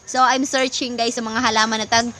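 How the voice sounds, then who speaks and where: A chatty woman with a Filipino accent talks through a casual vlog in a slightly high voice. She leans on fillers and jumps between languages. Steady background noise runs under the recording. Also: fairly quick. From Philippines. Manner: chatty, mixes English into Tagalog, many fillers, laughs often. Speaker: plant vlogger.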